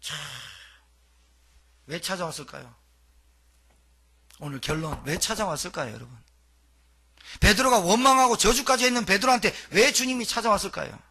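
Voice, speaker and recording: A male pastor preaching a dramatic, colloquial sermon, throwing out rhetorical questions. His husky voice sits high and swings widely, very forceful one moment and dropping low the next. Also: lively intonation, moderate pace, long pauses.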